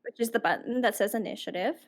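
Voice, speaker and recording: A woman's voice: on the high side, fast talker. Rambling woman running a tabletop game. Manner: rambling, many fillers and restarts. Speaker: dungeon master.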